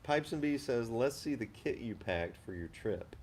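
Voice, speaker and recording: A man hosting a casual live chat, explaining things in an unhurried, detailed way. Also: mid-range voice, lively intonation, a little mellow, slight background noise. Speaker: host of a pipe-smoking live chat.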